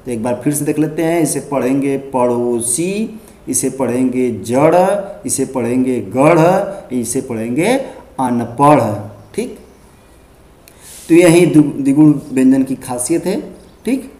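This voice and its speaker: A man's voice: medium pitch, normal speed, dark tone, reverberant. A male schoolteacher giving a grammar lesson, patiently repeating words and checking in with the class. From Uttar Pradesh, India. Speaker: school teacher.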